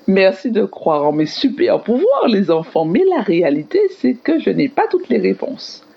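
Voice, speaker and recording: A woman teacher giving a scripted radio lesson to children in an expressive, explanatory manner. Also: medium pitch, moderate pace, gravelly, lo-fi sound, a little hiss or hum. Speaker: primary school teacher on radio.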